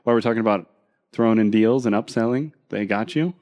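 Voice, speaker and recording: A man's voice: lowish voice, fast talker, a little mellow. A man co-hosting a podcast in casual chat, teasing and laughing with his co-host.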